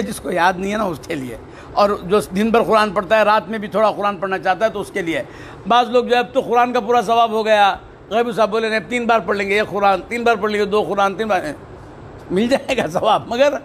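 A man with a high, lifted voice preaches a sermon. He drives his points home with rhetorical questions he answers himself, breaking into recited Arabic verses. Faint noise hums under the recording. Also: a bit bright. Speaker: Sufi preacher.

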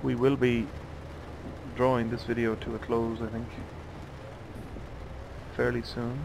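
A man's voice: mid-range voice, flat delivery, a little slow, gravelly, noisy background. A tired man casually commenting on his own truck driving game, musing aloud to himself. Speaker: let's play gamer. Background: truck driving game sounds.

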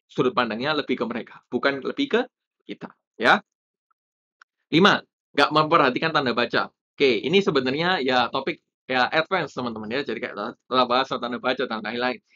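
A man walks viewers through copywriting mistakes in a relaxed teaching tone, his pitch jumping up to stress each point. His voice is bright and forward, at an ordinary middle pitch. The sound is a little dull, like a lo-fi recording. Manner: lively, rising emphasis on key points. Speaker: copywriting instructor. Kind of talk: casual explanatory teaching.

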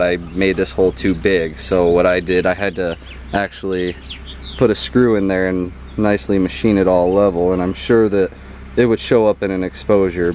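A man's voice: low voice, a little mellow, slight background noise. A man giving a casual hands-on demonstration outdoors in a yard, often checking in with "okay?" and filling gaps with ums. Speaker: hobbyist explaining a homemade astrophotography mount.

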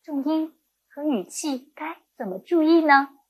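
A woman's voice: high-pitched, animated, measured pace. A woman primary school teacher giving a recorded lesson to young children, speaking in a patient, encouraging way.

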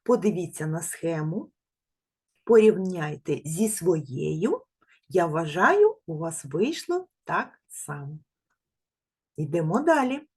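A woman preschool teacher giving a literacy lesson to small children, gently praising them and drawing out speech sounds slowly. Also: lowish voice, big pitch swings, slightly rough. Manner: gentle, praising, uses endearing diminutives.

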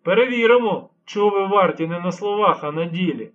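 A man's voice: high-pitched, animated, a little fast, a bit bright, pitched above the performer's own voice. A man voicing a stubborn, lisping ninety-year-old man who is secretly a skilled swordsman, in an audiobook. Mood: lecturing, teasing. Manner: mocking, patiently lecturing. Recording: dull lo-fi recording.

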